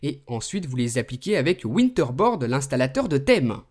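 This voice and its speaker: Young male host from France, lively tutorial voice-over, animated intonation. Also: mid-range voice, normal speed. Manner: lively, enthusiastic presenting. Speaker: tech video host.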